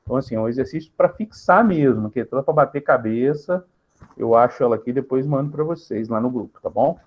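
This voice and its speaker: A man's voice: medium pitch, fast talker, muffled recording. A man with a Brazilian Portuguese accent teaching a live grammar class in a casual way, often checking in with students.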